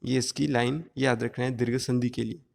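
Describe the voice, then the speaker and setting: A male teacher giving an exam-prep grammar lesson, explaining slowly and drawing out each sound one at a time. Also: mid-range voice, steady tone, creaky, long reverb tail.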